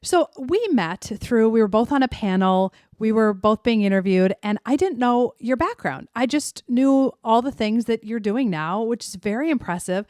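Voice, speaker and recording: A woman's voice: a little high, expressive, moderate pace, few pauses, a little mellow, no echo, studio quality. A woman hosting a podcast, introducing her guest and asking questions in a conversational, inquisitive way. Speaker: host. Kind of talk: podcast interview.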